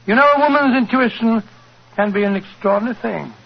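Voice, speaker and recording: An actor playing an older British doctor and loyal companion in 1940s radio drama, blustery and earnest, on a dull old recording. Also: male voice, very high-pitched, brisk, gravelly, heavily acted. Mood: amiable.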